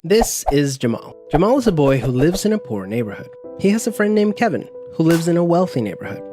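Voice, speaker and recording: A man giving calm, measured, scripted narration for an explainer video. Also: a little high. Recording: narration over music bed.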